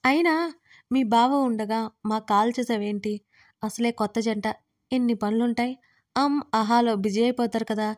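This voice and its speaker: A woman voicing a mischievous young female friend who teases and chatters excitedly. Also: a little high, normal speed, no room sound, clean studio sound, lightly acted. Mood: teasing.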